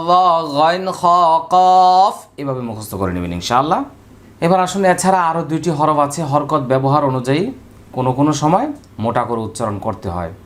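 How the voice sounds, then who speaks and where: A man teaching Quran recitation with a Bangladeshi Bengali accent, drilling Arabic letters slowly and repeating each sound with care. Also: mid-range voice, a little hiss or hum. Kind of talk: slow, careful pronunciation lesson.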